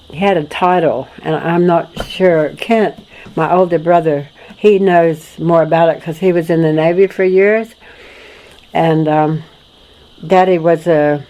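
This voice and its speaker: An older woman from Florida in the United States telling her family history in a casual, rambling way, with many restarts and soft chuckles. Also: on the low side, poor audio. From Florida, USA. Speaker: documentary photographer recalling family history. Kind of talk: casual spoken memoir to a friend.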